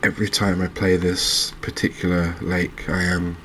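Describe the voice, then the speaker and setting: Gentle and unhurried, a gaming channel host offers soft-spoken ASMR commentary with a halting delivery. His voice sits low with little pitch movement, and a little hiss or hum can be heard.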